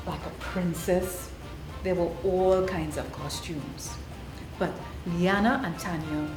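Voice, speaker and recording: A Trinidadian woman telling a children's story with lively drama in her voice. Her voice echoes in a roomy space, and music plays clearly behind her. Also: lowish voice.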